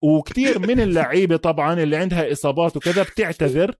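A man's voice: a little high, racing, a little mellow, dry recording. A man with a Palestinian-Jordanian Levantine Arabic accent co-hosting a casual sports discussion, mixing English sports terms into his Arabic. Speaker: sports podcast host.

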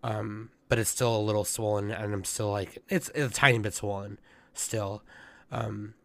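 A young man hosting a casual podcast, hoarse and congested, rambling with lots of fillers and swearing. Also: fairly low pitch, steady tone, moderate pace, no room sound. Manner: rambling, profane, many fillers. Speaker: podcast host. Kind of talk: casual chat.

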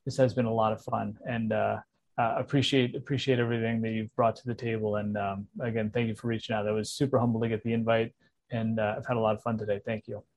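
A man appearing as a podcast guest, talking gratefully in a halting, casual way. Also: lowish voice, level tone, a little mellow, no room sound, low-quality recording. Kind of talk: casual conversation.

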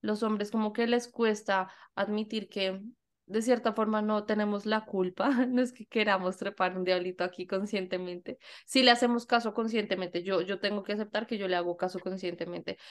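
A young Colombian woman co-hosting a podcast, chatting casually, laughing often and acting out bits of dialogue. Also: medium pitch. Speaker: podcast co-host. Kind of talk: casual chat.

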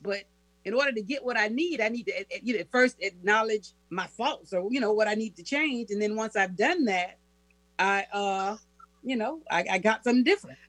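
A woman's voice: mid-range voice, animated, fairly quick, a bit bright, no room sound. A woman guest speaking frankly and earnestly about relationships, often checking in with her listener. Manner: earnest, frank, asks "you know what I'm saying". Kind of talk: conversational interview.

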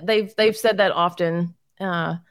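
A woman's voice: lowish voice, steady tone, measured pace, no echo, clean studio sound. A woman guest chatting casually in an interview, down-to-earth and encouraging, laughing often. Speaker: guest, realtor and short-term rental owner.

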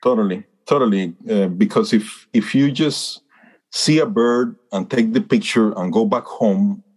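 Speaking at a measured pace in a fairly low, slightly mellow voice, a Costa Rican birding guide in his fifties gives an interview. His Costa Rican Spanish accent is clear. His earnest replies come haltingly, full of fillers and false starts.

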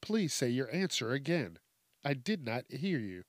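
A man putting on a calm, flat robot voice like an automated phone system reading polite recorded messages. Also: mid-range voice, a little slow, no echo. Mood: robotic calm.

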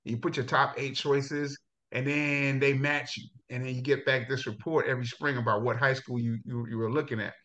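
On a dull lo-fi recording, a middle-aged man talks at normal speed about his life. He is a Jamaican high school football coach in a relaxed, casual interview, breaking into laughter and restarting his thoughts.

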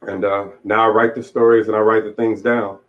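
He's an author in his late forties, interviewed about his life, and he talks about it openly, reflectively and without frills. The voice is lowish with little pitch movement and a fairly quick pace. Sound quality is dull and lo-fi.

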